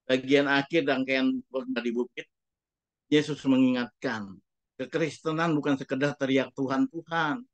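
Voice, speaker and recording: A man's voice: mid-range voice, fairly even intonation, normal speed, dry recording, highs cut off. A man preaching a sermon as a pastor, speaking emphatically and putting rhetorical questions to the congregation.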